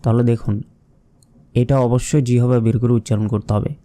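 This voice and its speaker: A man's voice: mid-range voice, little pitch movement, a little fast, dark tone. A man teaching Quran reading step by step in Bengali-accented speech, patiently repeating each letter sound and explaining how to shape the tongue and throat. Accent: Bangladeshi Bengali. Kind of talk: step-by-step recitation lesson.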